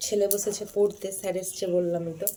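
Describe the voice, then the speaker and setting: A woman's voice: medium pitch, level tone, fast, warm tone, a little hiss or hum. Chatty woman vlogging chores. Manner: chatty, talks viewers through her chores. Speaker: daily-life vlogger. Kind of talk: casual vlog narration to viewers. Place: home kitchen.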